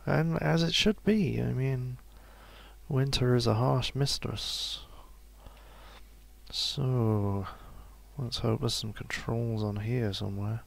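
A man giving relaxed, casual commentary while playing a game, musing to himself and laughing softly now and then. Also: mid-range voice, slow pace, creaky, pauses often. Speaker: let's play gamer.

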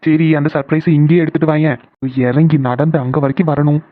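A performer plays a young cartoon husband who teases his wife and then pleads with his mother. The delivery is fast, and the dry recording sounds narrow and phone-like. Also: medium pitch, steady tone, no room sound, lightly acted. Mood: teasing. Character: young husband, emotional son. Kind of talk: animated cartoon voice acting.

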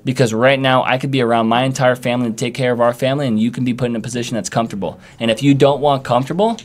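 A man's voice: mid-range voice, steady tone, very fast. A young man, a podcast guest, telling stories in casual chat with a hyped, emphatic, swearing manner.

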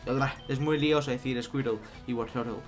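A young man with a Spain Spanish accent commenting on his own gameplay, excitable, swinging from mumbled asides to loud outbursts. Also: mid-range voice, normal speed. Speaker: let's play youtuber. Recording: faint music behind.

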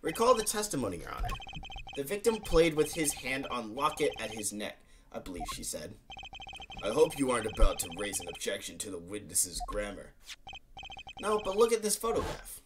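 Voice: mid-range voice, big pitch swings, normal speed, recorded from a distance, background noise, voice pushed down, close to an everyday voice. A streamer doing an eager young lawyer. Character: earnest young male defense attorney. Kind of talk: game let's play voice-over.

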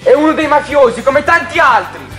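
Man acting a defiant, high-pitched young son. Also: big pitch swings, normal speed, fairly bright tone, soft background music, full character voice. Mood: furious, shouting. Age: young adult. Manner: impassioned, insistent. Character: defiant, passionate young son raging against the mafia. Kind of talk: acted dialogue in an amateur short film.

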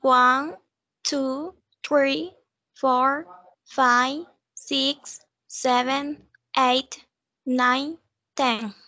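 A woman's voice: sits high, fairly even intonation, very slow, long pauses, pushed and bright, dry recording. A woman student in an online class, eagerly counting out numbers.

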